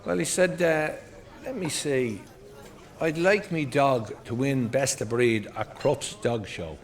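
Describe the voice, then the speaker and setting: A man's voice: medium pitch, a little slow, some chatter behind. An Irish man doing stand-up, rattling off one-liners and short joke stories and acting out the characters in them. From Ireland. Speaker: stand-up comedian.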